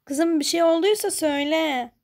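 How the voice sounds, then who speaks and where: A woman voicing a worried middle-aged mother who calls out loudly and fusses. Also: very high-pitched, normal speed. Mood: soothing.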